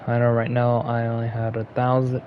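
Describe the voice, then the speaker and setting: A man's voice: mid-range voice, monotone, normal speed, phone-quality sound, a little hiss or hum. A man giving casual gameplay commentary, muttering and thinking aloud as he plays. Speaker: gaming streamer.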